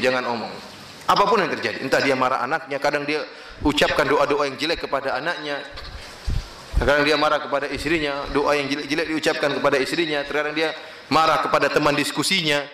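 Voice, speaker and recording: Bright-voiced male preacher in echoey room. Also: steady tone, quick pace, a little hiss or hum. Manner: emphatic, with wide swings in pitch and Arabic quotations. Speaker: Islamic preacher. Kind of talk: sermon.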